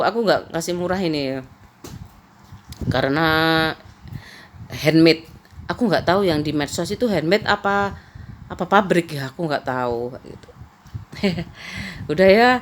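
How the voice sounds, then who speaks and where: A woman's voice: fairly low pitch, slight background noise. A woman, chatting in a rambling way in a personal vlog and laughing often. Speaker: vlogger. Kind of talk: casual personal vlog chat.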